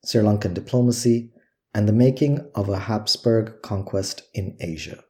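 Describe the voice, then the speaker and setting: A man co-hosting an academic podcast, asking questions in a soft-spoken, hesitant way. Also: fairly low pitch. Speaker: podcast co-host. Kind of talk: academic interview.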